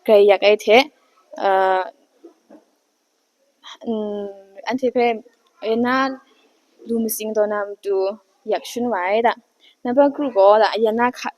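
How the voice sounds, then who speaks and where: A woman giving an unhurried talk, often pausing and hesitating. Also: fairly high pitch, fairly even intonation, warm tone.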